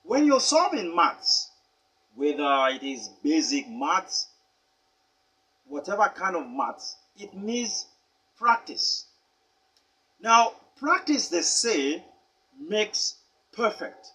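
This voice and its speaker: A man teaching pronunciation, with a high, husky voice. His pitch swings widely as he stresses each point. He talks deliberately and spells words out letter by letter. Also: big pitch swings, bright, forceful tone. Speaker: English teacher. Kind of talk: pronunciation lesson.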